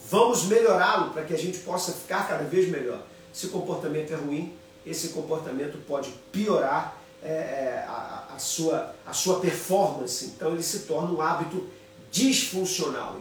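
A man preaches in a story-driven way, his voice sitting fairly high. He sounds a little off-mic in a very echoey room. There is a faint hum of ambience behind him. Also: distant mic. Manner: storytelling, repeats phrases for emphasis. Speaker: pastor. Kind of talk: sermon with personal stories. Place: home office.

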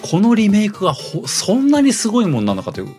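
A man's voice: high-pitched, huge pitch swings, fast, darkish tone. A man hosting a casual games podcast, guiding the show in orderly, polite but casual speech, with music behind him. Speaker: main podcast host. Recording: music playing behind the talk.

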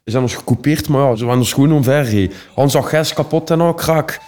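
A man's voice: medium pitch, quick pace, a little mellow. A young Flemish man telling his own stories casually, rambling in a streetwise way with many fillers. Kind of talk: casual personal storytelling.

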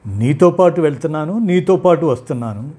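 A man's voice: a little high, lively intonation, moderate pace, husky, voice pushed up. A man voicing a furious, proud young wife. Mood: indignant. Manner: shouting, indignant, heated. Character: angry young working wife, proud, sharp-tongued.

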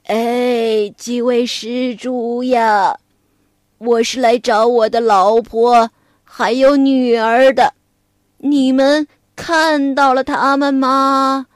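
A woman voicing a frail old man, really a disguised demon, who speaks slowly and mumbles. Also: a little high, flat delivery, dry recording, studio quality. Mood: wheedling. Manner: slow, mumbling and wheedling.

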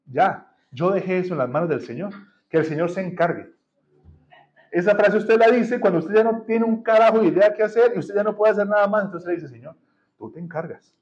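A man's voice: sits high, a little fast, a little mellow, muffled recording. A man preaching a sermon in a church, blunt and colloquial with strong emphasis. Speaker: pastor. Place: church hall.

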